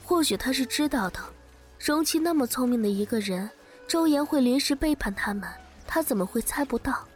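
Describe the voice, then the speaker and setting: A woman's voice: high voice, lively intonation, moderate pace, a little mellow. A woman narrating a romantic story in the first person, emotional and breaking into tearful cries in the spoken lines. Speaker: audiobook narrator.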